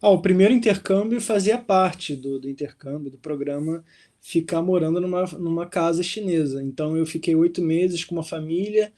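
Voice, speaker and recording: Young male guest, slightly high, mellow voice, relaxed conversational delivery. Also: moderate pace. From Rio de Janeiro, Brazil. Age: young adult. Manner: relaxed, with fillers like "né" and "assim". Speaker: guest, doctoral researcher. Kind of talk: conversational interview. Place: hotel room in London.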